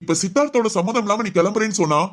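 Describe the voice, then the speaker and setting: A woman playing a gentle, encouraging middle-aged father in an amateur family drama, speaking in a fast, soothing way. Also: medium pitch, animated, close to an everyday voice. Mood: reassuring.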